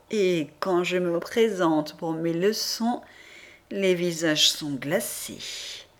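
A woman reading a novel aloud as an audiobook narrator, in a measured first-person style with lively voiced quotes. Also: fairly low pitch. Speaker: audiobook reader. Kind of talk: scripted narration.

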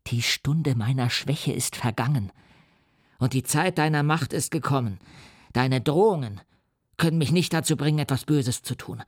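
A man's voice: mid-range voice, normal speed, no echo, studio quality, natural voice. A man playing a furious, defiant young scientist. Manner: vehement and indignant.

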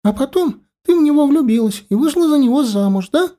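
Man doing an excited little girl's voice. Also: extremely high pitch, brisk, pitched above the performer's own voice. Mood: pleading, excited. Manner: eager, pleading. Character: young girl, excited, breathless with awe.

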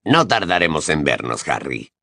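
A man reading an audiobook who voices a weary fugitive wizard, speaking in a low, reassuring way. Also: sing-song, normal speed, creaky, bright, forceful tone, heavily acted. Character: weary, loyal grown man, a wizard on the run.

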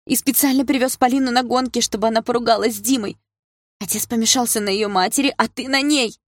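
A woman voicing a distraught young woman in an audiobook, yelling accusations in a shrill voice. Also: fairly even intonation, quick pace, dry recording, studio quality, lightly acted. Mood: furious. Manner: shrill, shouting.

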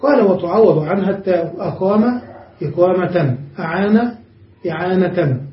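A high-pitched male teacher giving a grammar lecture, working through each rule patiently and pausing to ask his class whether they have understood. The recording is muffled and taken from a distance in a reverberant room. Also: animated. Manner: explains step by step, checks understanding with the class. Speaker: sheikh teaching Arabic grammar. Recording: dull, echoey room, distant mic.

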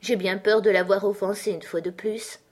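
A woman's voice: medium pitch, fairly even intonation, normal speed, a little mellow, lightly acted. A woman voicing a curious, polite little girl who talks eagerly to please.

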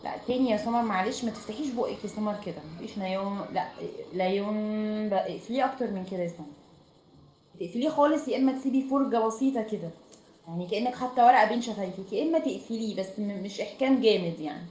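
A woman's voice: mid-range voice, animated, racing, a little mellow. A woman with an Egyptian accent teaching a recitation lesson over online voice chat, explaining step by step and often checking with her students. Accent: Egyptian Arabic. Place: room at home. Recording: echoey room, faint noise.

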